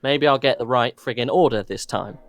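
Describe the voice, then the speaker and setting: A man's voice: mid-range voice, a little fast, no room sound. A man co-hosting a casual racing podcast, jokey and playful, swearing now and then. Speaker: podcast co-host.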